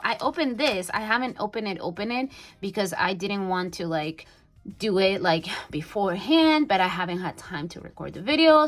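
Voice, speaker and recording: A woman's voice: mid-range voice, a bit bright, slight background noise. Bubbly young woman vlogger. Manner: bubbly, gushing, many fillers and restarts. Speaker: budgeting vlogger. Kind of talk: casual unboxing chat.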